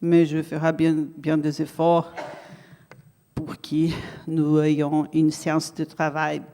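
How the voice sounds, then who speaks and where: Slow Brazilian-accented woman reading a formal lecture. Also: sits low, completely flat delivery, mellow. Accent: Brazilian Portuguese accent in French. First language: Brazilian Portuguese. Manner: careful, halting delivery with stumbles on words. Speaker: theatre critic giving a conference paper. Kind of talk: formal lecture read from a prepared text. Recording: long hall reverb.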